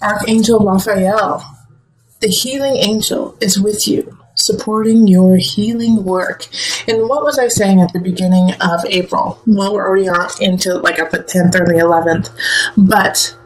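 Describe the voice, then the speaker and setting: A woman talks through a tarot reading in an easy, conversational way. She reassures the listener directly and often doubles back to repeat a word. Her voice sits at an ordinary middle pitch. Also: normal speed, poor audio. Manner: chatty, reassuring, repeats words, direct address. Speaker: tarot reader. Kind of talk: casual spoken tarot reading.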